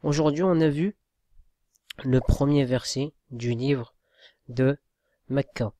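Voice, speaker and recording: A man's voice: medium pitch, a little mellow, no echo, clean studio sound. A man teaching Arabic reading in a spoken lesson, patiently spelling out sounds letter by letter and often checking in with his listeners. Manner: slow, patient, checks in with "d'accord?".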